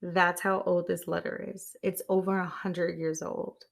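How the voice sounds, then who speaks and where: A woman's voice: fairly low pitch, level tone, unhurried, vocal fry. A woman podcast host talking on her own to her listeners. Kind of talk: solo podcast talk.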